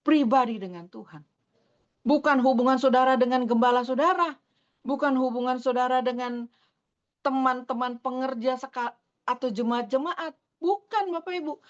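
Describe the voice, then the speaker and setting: A woman pastor preaches in a high voice. She talks in a loose, conversational way, tossing in slang and asides. The audio has the muffled, lo-fi sound of a video call. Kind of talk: sermon over a video call.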